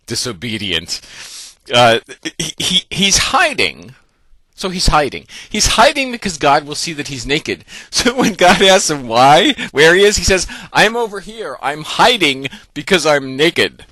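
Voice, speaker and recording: A man's voice: mid-range voice, pushed and bright, dry recording. A man, a university professor, lecturing in a playful, jokey way and acting out the text. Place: classroom.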